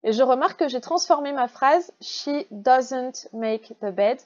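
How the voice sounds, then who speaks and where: French teacher slowly modelling English words. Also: female voice, high-pitched, lively intonation, dull audio. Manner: patient, explains step by step, slows down to model pronunciation. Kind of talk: recorded online class explanation.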